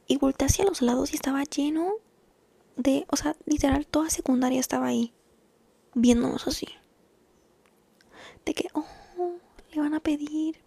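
A young woman with a Mexican accent spins a casual story, often dropping to a soft half-whisper. Her voice sits high but has a mellow, fry-edged grain. It is recorded close and dry, with no room sound. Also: fairly even intonation, normal speed, pauses often, no room sound. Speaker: vlogger.

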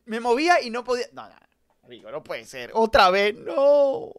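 Excitable male streamer, high lively voice. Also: fairly quick. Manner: excitable, talks to chat, swings from mumbling to loud outbursts. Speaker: gaming streamer. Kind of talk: live let's-play commentary.

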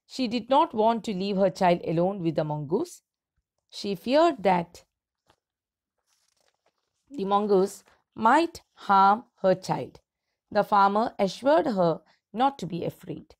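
A slow, careful woman teacher reading aloud to her class. She takes her time over each phrase, pausing to explain word meanings in a plain, mid-pitched voice. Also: expressive. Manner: slow, deliberate, clear reading with pauses between phrases. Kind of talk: reading a story aloud and explaining vocabulary to students.

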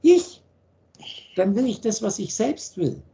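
A man's voice: high-pitched, normal speed, vocal fry, warm tone. Blunt preachy man on a video call. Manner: blunt, preachy, full of rhetorical questions. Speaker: spiritual teacher.

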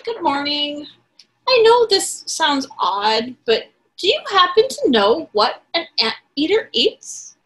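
A courteous, hungry anteater from a storybook, apologizing and asking questions in a high, lively voice that climbs and dips, as a woman reading aloud puts it on. The delivery is slow and bright. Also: exaggerated voice, rough recording. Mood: polite. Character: polite hungry young anteater.

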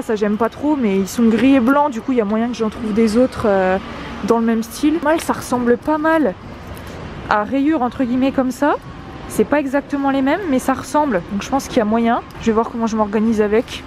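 A woman's voice: fairly high pitch, normal speed, a little mellow. A woman in her twenties vlogging casually, her voice slightly muffled through a face mask. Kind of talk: casual shopping vlog chat. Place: car, then large busy discount store. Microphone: handheld camera at arm's length. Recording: clear background noise, store and vehicle ambience.

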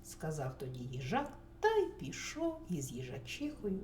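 A woman narrating a children's bedtime story, gentle and expressive with soft whispered asides. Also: sits low, moderate pace. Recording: roomy recording, faint hum.

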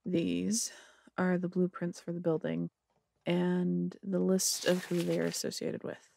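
In an audio drama, an actress plays a serious female police detective in a businesslike manner. Her fairly low voice is husky and heavy with vocal fry, warm in tone, level, and a little slow. It's a full character voice recorded with no echo.

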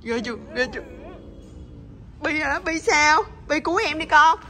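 A woman's voice: sits high, expressive, moderate pace, sharp tone, a little hiss or hum. A woman chatting with her pets in a teasing, coaxing way, laughing often. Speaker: pet channel host. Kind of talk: casual chat to her pets.

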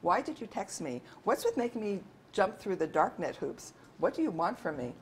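A woman reading the lines of an anxious, defensive man on the run, in a plain, measured way. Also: mid-range voice, big pitch swings, a little hiss or hum, lightly acted. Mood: tense. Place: bookstore event.

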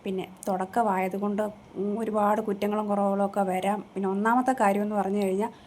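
A woman vlogs from a room at home, holding the phone herself for a casual, earnest chat that rambles and keeps circling back to the same points. Her mid-range voice is flat and darkish, and she talks fast.

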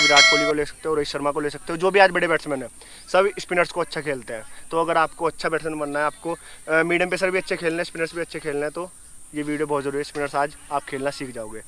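A young man gives a cricket batting lesson outdoors, speaking quickly in a bright, forceful voice. His pitch sits a little high for a man, and he stays energetic as he demonstrates each move. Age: young adult. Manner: energetic, demonstrates while talking. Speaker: cricket coach. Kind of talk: instructional talk to camera.

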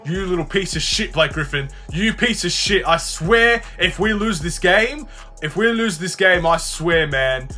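A man giving excitable live commentary on his own video game, swearing and calling out "bro" often. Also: sits high, unhurried, faint music behind. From Australia. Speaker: gaming YouTuber.

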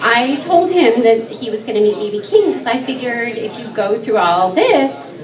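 Soft-spoken woman guest in an echoey bar. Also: fairly high pitch, expressive, normal speed. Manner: soft-spoken, with many "um" fillers and light laughs. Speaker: guest telling her son's story. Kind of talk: on-stage interview. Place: bar stage before a crowd. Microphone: handheld mic, far camera. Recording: echoey bar from far off, crowd noise. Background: crowd chatter.

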